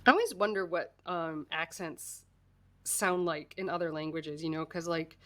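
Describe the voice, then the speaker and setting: This low-voiced American woman speaks at normal speed with a fairly bright tone. She hosts a crafting livestream, chatting casually and making fun of herself while she works, laughing often and sounding a little congested.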